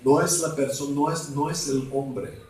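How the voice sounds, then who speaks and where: Male evangelist, slow halting sermon, fairly high voice, distant mic in a booming hall. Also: fairly even intonation, darkish tone, a little hiss or hum. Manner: slow, halting, asks congregation for words. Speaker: evangelist preacher. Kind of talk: deliverance sermon.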